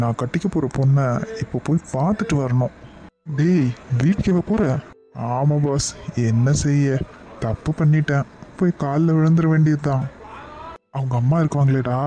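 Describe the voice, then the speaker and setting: A man's voice: a little high, dark tone, lightly acted, rough recording. A man voicing a playful young man about to marry in a cartoon, teasing his friend.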